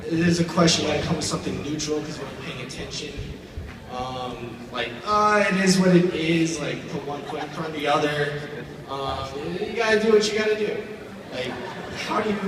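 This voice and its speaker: Halting young American man bombing at stand-up, echoey hall. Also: a little high. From United States, grew up outside Indiana. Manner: halting, rambling delivery of jokes that fall flat. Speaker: amateur stand-up comedian. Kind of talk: live stand-up comedy, joke bombing. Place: stage at a live event. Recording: echoey, noisy hall, recorded from far off.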